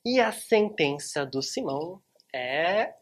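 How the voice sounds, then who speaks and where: A literature teacher with a Brazilian accent gives a chatty, informal online lesson and speaks directly to the viewers. The voice is husky and slightly breathy. The delivery is relaxed, conversational storytelling. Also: medium pitch, slow. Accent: Brazilian Portuguese. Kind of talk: casual online lesson, retelling a novel.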